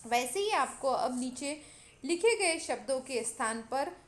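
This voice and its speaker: A woman's voice: high-pitched, lively intonation. A woman teacher giving a grammar lesson, spelling words out syllable by syllable and addressing her students directly. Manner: slow, spells out syllables one by one.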